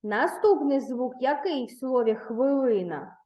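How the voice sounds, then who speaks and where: Her voice is high and warm, her pace measured, in a recording with a roomy echo and cut-off highs. Teaching third graders online, she stays patient and encouraging, praising answers and prompting the next step.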